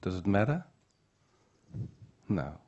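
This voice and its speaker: A man giving an unhurried spiritual teaching talk at a retreat. He often checks in with the room by asking "yeah?". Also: low voice, very animated, darkish tone, dull audio.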